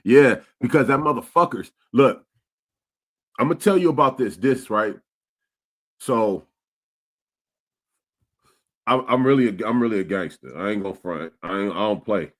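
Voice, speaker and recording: Co-hosting a casual podcast, a Stockton, California man in his forties spins streetwise stories, repeats himself, and reads the live chat aloud. His lowish voice is expressive and unhurried, with long pauses.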